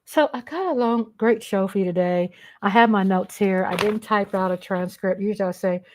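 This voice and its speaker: A woman's voice: mid-range voice, normal speed, a little mellow, slight background noise. Blunt, emphatic woman vlogger. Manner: blunt and emphatic, with casual swearing. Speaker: live-stream vlog host. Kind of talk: unscripted live commentary.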